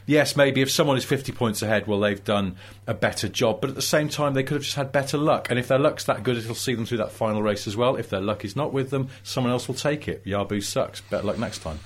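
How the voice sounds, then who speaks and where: A man's voice: mid-range voice, fast talker. A man with a dry, wry, wordy manner, chatting casually as a panellist. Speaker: panellist on a motor racing show. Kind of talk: casual chat.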